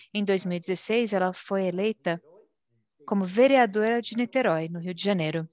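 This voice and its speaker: Female live interpreter, Brazilian accent, mid-range voice, delivering formal remarks in measured phrases. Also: medium pitch. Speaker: simultaneous interpreter.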